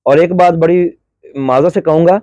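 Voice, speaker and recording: A man's voice: fairly high pitch, steady tone, mellow, no echo. A middle-aged man from Pakistan giving brotherly, pleading advice in a vlog, feeling a little unwell. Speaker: vlogger giving advice to migrants.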